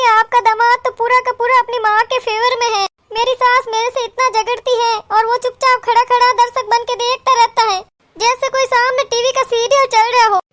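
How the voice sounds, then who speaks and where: With an extremely high-pitched, slightly bright voice, a woman plays a cartoon middle-aged mother. The character adores her daughter and tells off the daughter's in-laws with indignation.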